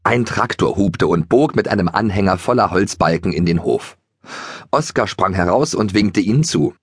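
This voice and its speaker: A man narrating a children's audiobook in an animated, expressive storytelling manner. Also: low-pitched, normal speed, slightly rough, dry recording.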